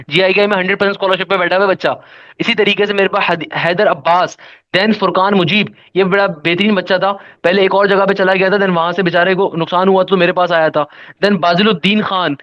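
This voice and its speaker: Male test-prep teacher, upbeat and brisk, raised pitch, muffled recording. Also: fairly bright tone. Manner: upbeat, lists students rapidly with fillers. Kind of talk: video guidance lesson.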